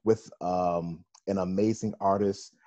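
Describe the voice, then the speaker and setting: A man's voice: deep voice, fairly even intonation, a little slow, warm tone. A man hosting a casual radio interview, rambling with many fillers and restarts. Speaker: radio show host.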